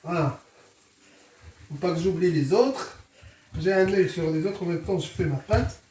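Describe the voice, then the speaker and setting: In a roomy kitchen, a little away from the mic, a man with a Moroccan accent hosts a cooking vlog. His voice is high for a man, and he talks in a chatty, jokey way, addressing viewers as his friends. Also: animated, a little slow, a little mellow. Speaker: host, home cook presenting a recipe. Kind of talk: casual cooking vlog chat. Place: indoors in a home kitchen. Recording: roomy, distant mic, faint noise.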